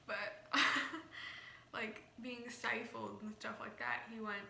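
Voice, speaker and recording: Bright-voiced young woman with slight lisp. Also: fairly high pitch, steady tone, slow, vocal fry. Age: young adult. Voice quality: slight lisp, as if wearing a retainer. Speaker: vlogger. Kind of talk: casual rambling explainer to camera. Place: small indoor room. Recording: roomy echo, faint background noise.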